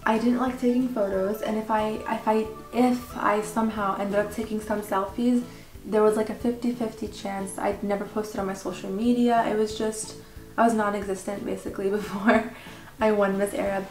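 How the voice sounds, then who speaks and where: A woman being interviewed as a pageant winner, chatting casually and haltingly with lots of filler words. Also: mid-range voice, fairly even intonation, darkish tone. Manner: informal, halting, frequent "like" and "you know". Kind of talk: casual question-and-answer chat. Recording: echoey room with background music.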